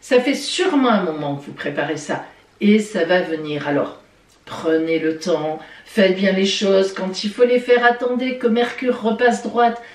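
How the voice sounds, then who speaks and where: A woman's voice: medium pitch, a little slow, recorded from a distance. A woman giving weekly horoscopes in a playful, chatty way, talking straight to her listeners. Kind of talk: casual horoscope reading. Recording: roomy sound from off-mic.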